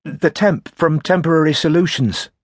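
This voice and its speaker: A man's voice: a little high, moderate pace, no room sound, clean studio sound, voice pushed up, close to an everyday voice. A man reading an audiobook, voicing a nervous young woman temp in a quavering voice.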